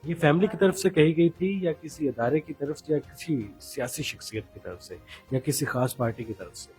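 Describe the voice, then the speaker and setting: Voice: mid-range voice, a little mellow, faint music behind. An interviewer asking probing, challenging questions in a political interview.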